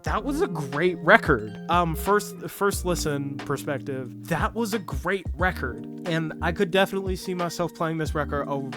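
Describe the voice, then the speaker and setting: A slightly high, expressive male voice at normal speed, with few pauses, belongs to a music reviewer talking through an album in his bedroom. Sounding a bit under the weather, he rambles with many fillers and restarts as music plays in the background.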